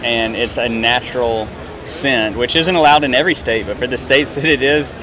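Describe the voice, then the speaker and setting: Upbeat interviewer at a noisy trade show. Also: male voice, mid-range voice, steady tone, normal speed. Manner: upbeat, agreeable, frequent short affirmations. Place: busy trade show hall, indoors. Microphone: handheld mic. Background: crowd chatter.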